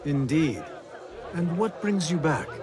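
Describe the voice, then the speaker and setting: An actor playing a sceptical, level-headed young assassin with a dry, understated manner in video game dialogue. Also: male voice, a little high, lively intonation, takes it slowly, a crowd in the background.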